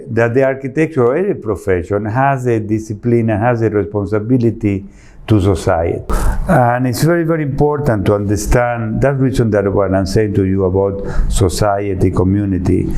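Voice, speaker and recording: A man from Argentina, an architect appearing as a guest, answers interview questions earnestly in an Argentine accent, often rephrasing while he searches for words. Spanish is his first language. His voice is fairly low and dark, with slight background noise.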